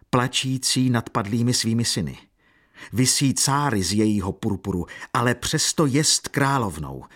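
Fiery young officer, declamatory, raised pitch, loud, storybook, voiced by a man. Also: natural voice. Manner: heated, declamatory.

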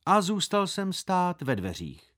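A man's voice: high voice, huge pitch swings, a bit bright. A man narrating a children's story aloud as a boy in the first person, telling it expressively.

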